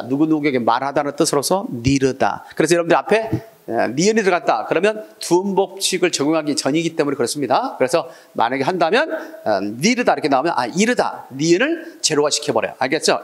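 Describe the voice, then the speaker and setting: A middle-aged man giving an exam-prep lecture, drilling students with repeated questions and call-and-response prompts. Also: a little high.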